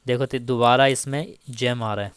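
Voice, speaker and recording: A man teaching Turkish grammar in a casual spoken lesson, slowly repeating each example and checking in often with the listener. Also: mid-range voice, fairly even intonation, fairly bright tone, clean tone, dry recording. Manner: slow, repeats each example with frequent "theek hai".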